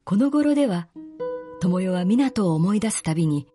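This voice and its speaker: A woman narrating a literary story in a calm, measured reading. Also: medium pitch, soft background music.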